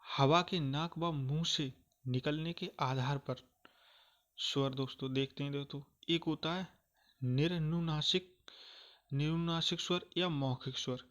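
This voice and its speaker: A man teaching a grammar lesson, repeating phrases patiently and slowly sounding out each vowel for his listeners. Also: fairly high pitch, steady tone, a bit bright. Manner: repetitive, calls listeners "friends", checks understanding often.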